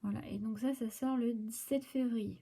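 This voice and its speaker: French woman, booktuber, warm higher voice, halting casual delivery with lots of fillers. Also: fairly even intonation, husky. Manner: hesitant, many fillers and restarts. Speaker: booktuber presenting new book releases. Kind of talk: casual chat to camera. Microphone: phone.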